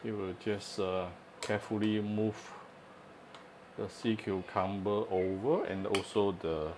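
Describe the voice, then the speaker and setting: A lower-voiced man talks through a home cooking demonstration in a relaxed, chatty way, often pausing on "uh" as he explains each step. Faint kitchen clatter of pans and utensils runs underneath his voice. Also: slight background noise. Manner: chatty, hesitant with frequent "uh" fillers. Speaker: home cooking channel host.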